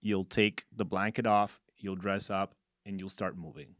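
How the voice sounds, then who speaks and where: Man, forties, low dry voice, casual co-host, many fillers. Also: little pitch movement, a bit bright, no echo. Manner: halting, many fillers and restarts. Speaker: podcast co-host. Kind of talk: casual conversation.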